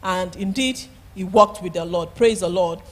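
A woman's voice: lowish voice, normal speed. Woman, middle-aged, pastor, sermon, emphatic, repeats key words, handheld mic. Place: church stage at a pulpit. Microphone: handheld microphone.

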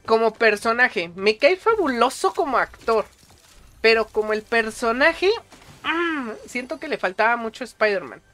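A man with a Mexican accent reviewing a movie on a casual stream, excitable and full of slang and swearing. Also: extremely high pitch, measured pace, faint music behind.

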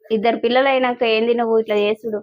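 A woman's voice: fairly high pitch, steady tone, no echo, dull audio, close to an everyday voice. Woman playing an angry accusing wife. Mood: furious. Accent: Telangana Telugu. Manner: accusing, rapid questioning. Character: angry suspicious young wife. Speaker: wife in a comedy skit. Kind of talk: comedy skit acting.

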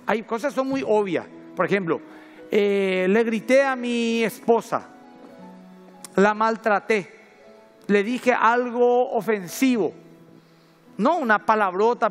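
Paraguayan pastor guy preaching, fairly high voice, chatty storytelling, faint music under it. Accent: Paraguayan Spanish. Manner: conversational preaching, with personal stories and Bible reading. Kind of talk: sermon.

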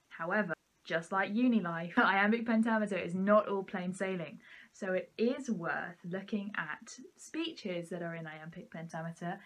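Young woman, cheerful, scripted lesson, light jokes, mid pitch. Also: fairly bright tone. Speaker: student society publicity officer. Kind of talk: scripted educational talk.

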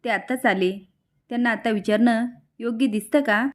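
A woman reading the lines of a gentle young mother in a serial recap, speaking in a calm, soothing way. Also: a little high, normal speed, close to an everyday voice.

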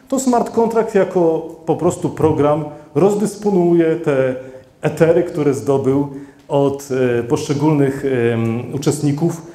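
A man's voice: a little high, warm tone. A middle-aged man giving a conference talk into a handheld microphone, hesitant with many fillers and restarts as he addresses the audience. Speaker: conference speaker. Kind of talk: conference presentation. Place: conference hall with seated audience. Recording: roomy hall echo.

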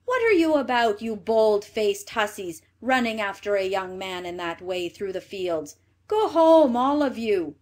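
A woman voicing a stern male village parson who shouts and scolds in a read-aloud fairy tale. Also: medium pitch, animated, a little slow, natural voice. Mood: indignant.

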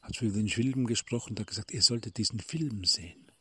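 Husky, low-voiced man telling a spiritual story. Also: brisk, no room sound, clean studio sound. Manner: warm storytelling, addressing listeners as dear ones. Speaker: spiritual teacher. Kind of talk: spoken devotional talk. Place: retreat in Tuscany. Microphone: phone voice message.

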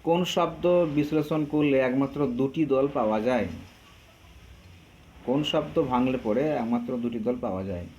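A man teaching an exam-prep grammar lesson, drawing out example words and pausing to hesitate often. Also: mid-range voice, darkish tone, lo-fi sound, a little hiss or hum. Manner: slow, drawn out over example words, frequent hesitations.

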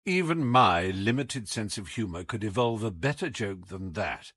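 A man's voice: fairly low pitch, lively intonation, moderate pace, fairly bright tone, dry recording. A man reading an audiobook as a whimsical, imperious detective with a British accent, theatrical, commanding and wry. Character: brilliant, whimsical, imperious male English detective.

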